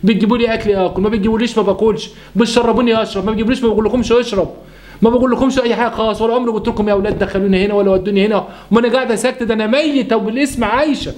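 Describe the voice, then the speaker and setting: A man's voice: high voice, steady tone, very fast, a little mellow, lightly acted. A man voicing an old widowed mother with an Egyptian accent, meek and pleading. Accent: Egyptian Arabic. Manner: pleading, self-effacing.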